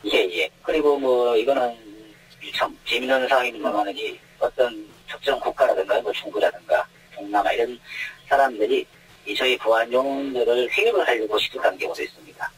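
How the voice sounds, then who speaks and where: An anonymous airport security guard, a man whose voice is disguised with deep pitch shifting, explaining things step by step and often starting with hesitant fillers. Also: a little fast, husky, poor audio. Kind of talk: anonymous news interview answers. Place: connected to the studio from elsewhere.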